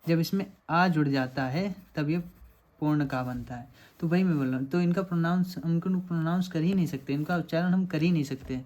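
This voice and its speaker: In a lecture solving quiz questions, a male teacher explains grammar a little fast, his voice fairly high with a darkish tone. He often checks understanding with lines such as "samajh rahe hain aap".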